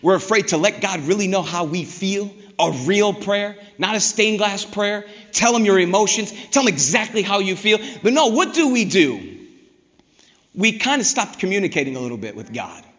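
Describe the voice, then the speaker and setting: A man preaching a sermon in a lively, conversational way, often acting out people's prayers and complaints. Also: high voice, normal speed. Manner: animated, conversational, acts out quoted prayers. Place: church hall. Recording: reverberant hall.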